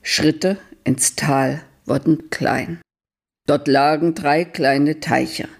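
A woman narrating a fairy-tale story in a calm, unhurried reading voice. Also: low voice, creaky, husky. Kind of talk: storytelling read aloud.

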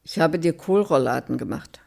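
A reader voicing a quiet, resigned young woman colleague who gives short answers. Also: mid-range voice, animated, normal speed, creaky.

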